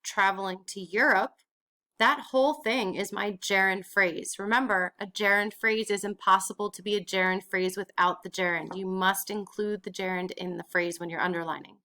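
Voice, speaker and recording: A woman's voice: medium pitch, steady tone, moderate pace, bright, forceful tone. A woman teacher explaining a grammar lesson step by step, asking and answering her own questions.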